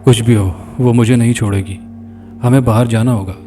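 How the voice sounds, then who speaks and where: A man's voice: mid-range voice, fairly even intonation, mellow, lightly acted. A man voicing a terrified young man who stammers in fear in a horror story. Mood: frightened. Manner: stammering, fearful. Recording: distant mic with faint music.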